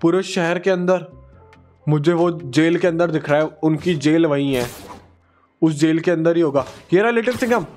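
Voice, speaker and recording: A man hosting a gaming channel, voicing characters over gameplay in an excitable, repetitive style. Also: on the high side, normal speed, soft background music.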